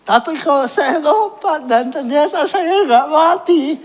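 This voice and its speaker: Guy preaching his testimony real slow, jokes about himself, gets earnest. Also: very high-pitched, expressive. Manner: self-mocking, laughs at his own story. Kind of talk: personal testimony sermon.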